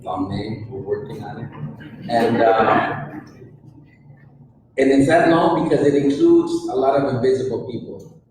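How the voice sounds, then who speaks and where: A man's voice: mid-range voice, steady tone, unhurried, long pauses, a little mellow, a little hiss or hum. A man advocating fluently and persuasively in a public comment at a meeting. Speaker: community advocate. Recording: echoey hall from far off.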